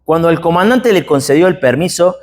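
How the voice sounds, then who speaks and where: A man's voice: fairly high pitch, lively intonation, brisk, a little mellow. A man with an Argentine Spanish accent preaching an expository sermon in a church, chatty and asking his listeners rhetorical questions. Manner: conversational, asks the congregation rhetorical questions.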